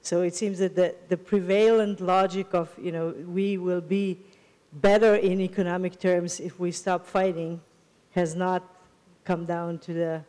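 A woman's voice: fairly low pitch, warm tone. A woman in her fifties, a professor on a university panel, explaining her points emphatically into a handheld mic. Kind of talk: panel discussion remarks. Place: lecture hall stage panel. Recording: long hall reverb.

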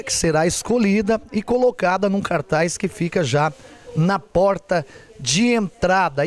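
A man's voice: high-pitched, a little mellow. A man in his forties with a Brazilian Portuguese accent, reporting for local TV news from an indoor bazaar on a handheld mic, chatty and always pointing things out. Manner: chatty, keeps pointing things out with "olha aqui" and "né". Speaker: field reporter. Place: large indoor charity bazaar hall.

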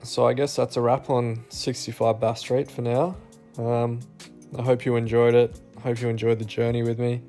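A young Australian man giving a relaxed, self-deprecating voice-over walkthrough of his renovated house. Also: mid-range voice, normal speed, few pauses. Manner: laid-back, self-deprecating. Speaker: home renovation vlogger. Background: soft guitar music.

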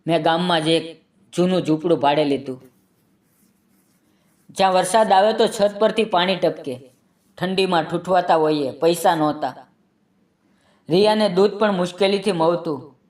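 A man's voice: high-pitched, normal speed, long pauses, a little mellow, recorded from a distance. A man reading a scripted emotional story aloud in the first person, with earnest, dramatic delivery.

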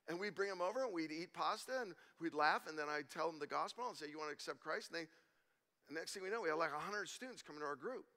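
A middle-aged male pastor telling a story in a sermon, animated and acting out the voices of the people in it. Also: fairly high pitch, fast. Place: church sanctuary. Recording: reverberant church hall.

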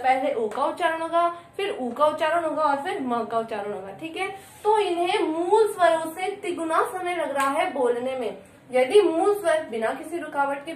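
A woman with a high voice teaches a classroom grammar lesson to children, asking questions and answering them herself. She is recorded from a distance in an echoey room, with faint noise behind her.

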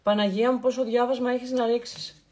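A chatty woman hosts a live skincare stream in a fairly high voice. She is warm toward her viewers and greets them by name. She plays with repeated words to build up emphasis. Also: level tone. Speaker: beauty livestream host. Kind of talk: casual live skincare chat.

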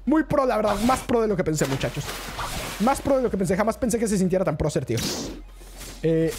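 A woman, live-streaming a game, excitable and chatty, talking straight to her chat. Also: mid-range voice, fairly quick, background noise.

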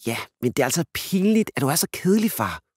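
A man voicing a little girl who is easily embarrassed by her father, speaking high and insistent in a storybook reading. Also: big pitch swings, husky, dry recording, clean studio sound. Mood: complaining.

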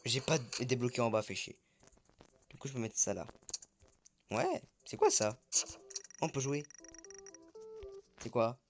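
A young man giving jittery, excitable commentary while playing a horror game, swearing when startled. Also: medium pitch, unhurried, pauses often, slight background noise. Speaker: gaming YouTuber. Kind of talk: live gameplay commentary.

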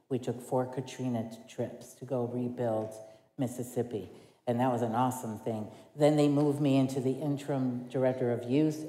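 A middle-aged woman with a low voice tells her story from the front of a church, candid and quick to laugh as she acts out old conversations. Her voice rings through a roomy sanctuary and trails off in long reverb. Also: warm tone. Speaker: women's ministry director. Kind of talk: testimony sermon. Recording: echoey church hall.

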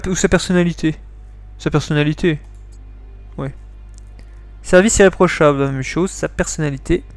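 A man's voice: a little high, darkish tone, dry recording. A man reading game text aloud and chatting casually over his playthrough, swearing at his slip-ups. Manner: chatty, swears when he slips up. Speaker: let's play host.

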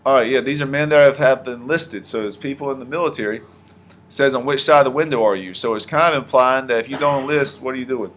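A man's voice: mid-range voice, quick pace, a bit bright, a little hiss or hum. Teacher quizzing his class. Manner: asks the class questions and repeats answers. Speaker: history teacher. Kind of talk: classroom lesson.

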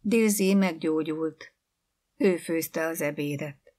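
Calm, lower-voiced woman narrator. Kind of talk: literary audiobook reading.

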